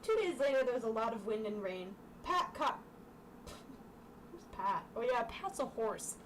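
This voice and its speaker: With a fairly high, sing-song voice at a measured pace, a young storytime reader works through a children's book. Her reading is casual, with offhand asides and stumbles over the words, captured by a distant mic in a clearly noisy room.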